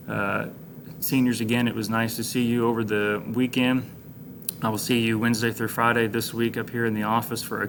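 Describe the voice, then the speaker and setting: A low-voiced American man addresses students like an orientation leader, in a flat, even tone. He is plain-spoken and encouraging, pausing often as he works through informal school announcements. There is clear background noise on the recording. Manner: encouraging, congratulatory, plain-spoken, halting phrasing. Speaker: high school administrator giving announcements to students.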